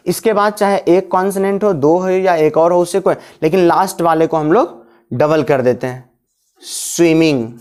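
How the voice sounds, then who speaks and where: A woman with a somewhat low voice teaches an English lesson. She works through each point step by step, asking questions aloud and answering them herself. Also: a little mellow. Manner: explains step by step, asks and answers own questions. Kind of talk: classroom-style grammar lesson.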